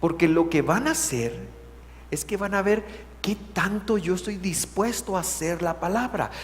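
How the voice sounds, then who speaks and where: A man with a Guatemalan accent preaching a sermon as pastor, moving between loud emphasis and hushed, drawn-out words. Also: high voice. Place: church sanctuary. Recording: reverberant hall, faint hum.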